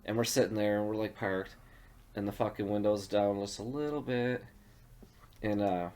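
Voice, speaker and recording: A man's voice: on the low side, moderate pace, darkish tone. A man, co-hosting a podcast and telling a rambling, profane story in casual chat. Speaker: podcast co-host.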